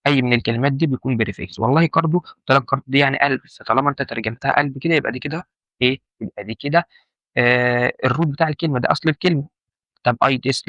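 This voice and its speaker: A medical terminology teacher with an Egyptian Arabic accent leads an informal lesson, going over key points again and asking the listener questions. His voice is medium in pitch and a bit bright, with no echo.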